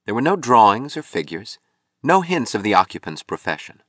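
A male audiobook narrator with a very deep voice and lively, rising and falling delivery. He tells the story in a measured, expressive way with a bright tone. The sound is dry and close, with no room around it. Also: no room sound.

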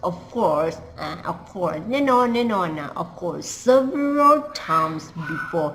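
A woman teaches English pronunciation, explaining in Thai and stretching each English phrase out slowly for her students. Her voice sits a little low and her pace is very unhurried. A faint hiss lies under the recording. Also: very animated, a bit bright. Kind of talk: language lesson, repeating phrases slowly.

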